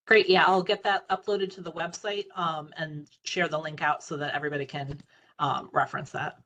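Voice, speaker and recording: A woman's voice: sits low, fairly even intonation, normal speed, bright, forceful tone. A woman presenting at a meeting over a video call, hedging with fillers. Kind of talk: virtual meeting discussion.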